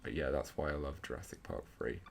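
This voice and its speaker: A young man co-hosting a film commentary, making dry, murmured asides that often trail off quietly. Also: rumbling low, fairly even intonation, fast, creaky, a crowd in the background. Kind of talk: casual film commentary chat.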